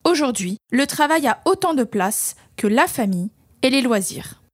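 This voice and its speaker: A woman's voice: high voice, lively intonation, moderate pace. A woman reading scripted narration as a podcast presenter. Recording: loud music under voice.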